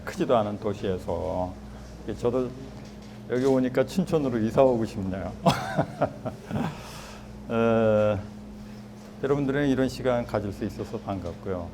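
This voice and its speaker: A man's voice: mid-range voice, a little mellow. A man in his sixties giving a public lecture in a small hall, chatting and asking the audience questions. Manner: conversational, asks the audience questions. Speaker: guest lecturer. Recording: lecture hall with background noise.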